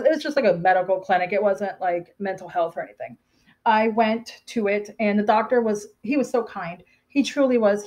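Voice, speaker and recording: A woman with a drawl tells a personal story straight to camera. Her voice sits on the higher side, and she rambles candidly, full of fillers and restarts. It sounds like a casual home video. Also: darkish tone. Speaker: vlogger telling a personal story.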